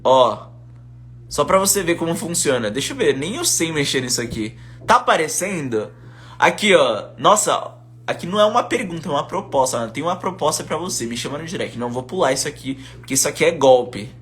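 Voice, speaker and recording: A young Brazilian man, an English teacher, chatting casually on a live stream, reading out viewer comments in a relaxed, slangy way. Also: a little high, brisk, slight background noise. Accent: Brazilian Portuguese. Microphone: phone.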